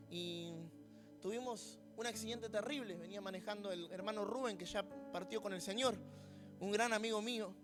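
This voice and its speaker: A man's voice: extremely high pitch, fairly bright tone. A man preaching a sermon with a Rioplatense accent, mixing a personal story with humorous asides and acting out voices. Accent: Rioplatense Spanish. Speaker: pastor.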